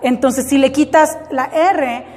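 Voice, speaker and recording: A woman teaches grammar in a slow, patient way, often stopping to check that the class follows. Her voice sits high, and a long reverb trails it around the classroom. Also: fairly even intonation, darkish tone, faint music behind. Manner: patient, explains step by step with checking questions. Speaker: English teacher.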